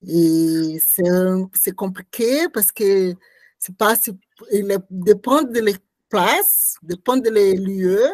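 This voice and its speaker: Non-native woman artist in a conversational interview, unhurried and hesitant, often groping for words. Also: mid-range voice, darkish tone, no echo. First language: not French. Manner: halting, searching for words, many restarts. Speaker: artist describing her performance.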